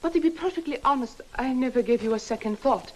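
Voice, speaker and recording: An actress in her twenties playing a forward young Swedish visitor, with a Swedish accent and a soft, teasing manner, in 1960s film acting. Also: high-pitched, quick pace, rough recording. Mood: coy. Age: 20s.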